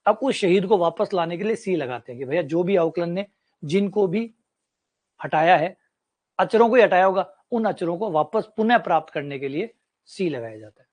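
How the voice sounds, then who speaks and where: A man gives a maths lecture, his voice sitting a little higher than most men's. He explains step by step with everyday examples and says key points twice. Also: lively intonation, normal speed, darkish tone. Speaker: maths teacher. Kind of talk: classroom lecture.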